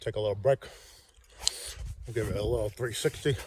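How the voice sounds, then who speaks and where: A man's voice: lowish voice, brisk, dark tone, a little hiss or hum. A man talking casually and bluntly to a camera while hiking outdoors, out of breath and breathing heavily. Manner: blunt, salty, joking self-deprecation. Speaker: hiking vlogger, group leader. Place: outdoors on a snowy hiking trail.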